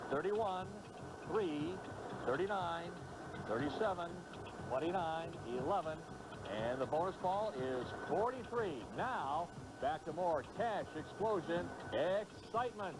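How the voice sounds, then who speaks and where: A male lottery draw host with a fairly high-set voice. He announces numbers deliberately in a formal broadcast style, and loud noise runs behind him.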